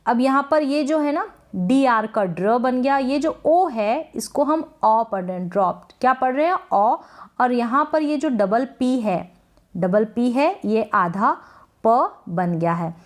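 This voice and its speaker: In a Hindi-language lesson on English pronunciation, a woman patiently repeats words and asks her viewers questions to make sure they're following. Her voice is a little high and animated, and she speaks a little slowly.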